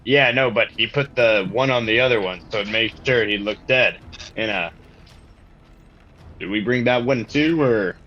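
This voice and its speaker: A man in a casual online tabletop game chat who fumbles for words with many halting starts. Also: mid-range voice, bright, forceful tone, dull audio. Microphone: video call.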